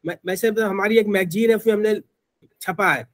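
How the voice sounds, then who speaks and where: A man's voice: high-pitched, a little fast, a bit bright. A man teaching acupressure in an online class, explaining informally with frequent restarts and fillers.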